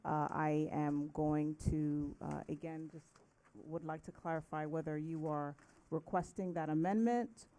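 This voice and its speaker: A woman gives formal legal clarification as an attorney at a public meeting. Her voice is very low and mellow, and she picks her words in a deliberate, hesitant manner. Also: fairly even intonation. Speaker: city attorney.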